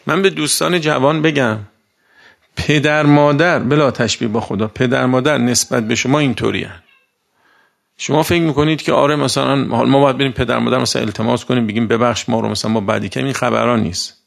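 Gravelly-voiced male preacher. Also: medium pitch, steady tone. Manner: colloquial, asks the audience rhetorical questions. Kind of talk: conversational sermon.

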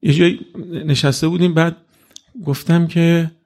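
A man giving an informal religious talk to an audience, speaking conversationally and acting out quoted exchanges with sudden jumps in pitch. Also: level tone, a little mellow. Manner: conversational, acts out quoted dialogue with rising pitch. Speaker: religious lecturer.

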